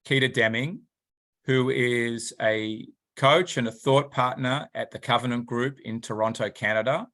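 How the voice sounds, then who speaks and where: A man's voice: medium pitch, fairly bright tone. A man hosting an interview podcast, welcoming his guest with frequent fillers. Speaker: podcast host.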